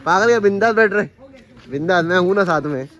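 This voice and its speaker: Brisk and fairly bright, this man's high voice comes through on dull audio. He's hosting a casual vlog during a family outing to temples and outdoors, talking chattily and calling viewers "guys."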